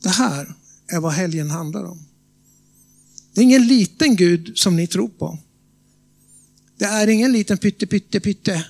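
A man with a Norrland Swedish accent delivers a sermon. His voice sits high for a man, and he tells the story dramatically. He turns to the congregation with questions. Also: vocal fry, pauses often, darkish tone. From Norrland, Sweden. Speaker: preacher. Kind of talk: sermon testimony.

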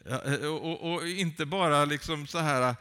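Fervent bright-voiced male preacher. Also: a little high, clean tone. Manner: fervent, rising to loud calls of halleluja, many fillers. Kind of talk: sermon.

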